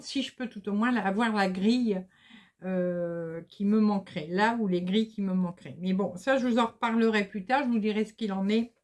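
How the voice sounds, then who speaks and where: A middle-aged woman chatting casually to her viewers about embroidery magazines, hesitant and full of fillers. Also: on the high side. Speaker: embroidery vlogger. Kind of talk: casual chat to camera.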